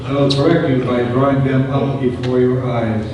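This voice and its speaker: A man's voice: mid-range voice, level tone, normal speed. A man reading scripture and psalm verses solemnly as a lector at Mass in a large church. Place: large reverberant church, away from the microphone. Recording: very echoey church, distant, clearly noisy.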